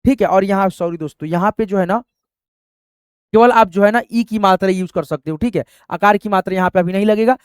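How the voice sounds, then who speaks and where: Man, online English teacher, high-pitched voice, letter-by-letter spelling, repetitive friendly fillers. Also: dry recording, studio quality. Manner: repeats "doston" and "theek hai", quizzes the viewer. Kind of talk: online classroom lesson.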